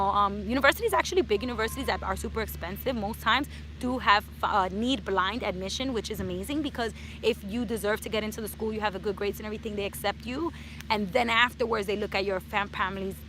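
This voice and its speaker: In a rough recording with a little hiss or hum, a woman of about thirty from New York City speaks in a pushed, bright, mid-range voice. She's a personal finance YouTuber chatting casually in an outdoor Q&A vlog under hot sun, dropping in Spanish words.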